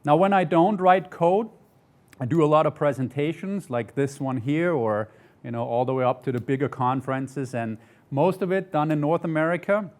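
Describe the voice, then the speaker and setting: On an indoor studio stage with a desk and laptop, a middle-aged software developer from Austria gives a casual technical conference presentation. He speaks conversationally at normal speed, frequently tagging "right?" onto statements, with a fairly high-pitched voice and a darkish tone.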